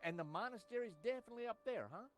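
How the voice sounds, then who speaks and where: A man's voice: very high-pitched, expressive, rapid-fire, noisy background, voice pushed up. An actor voicing a game hero who puts on a Southern US accent to play an overeager, nosy male tourist. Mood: gushing. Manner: gushing, wide-eyed, playing dumb.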